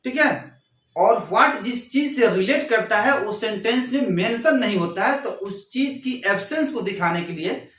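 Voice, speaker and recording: A man teaching an English grammar lesson, who reads each example slowly and then explains it again in Hindi. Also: sits high, animated, a bit bright, roomy sound, distant mic.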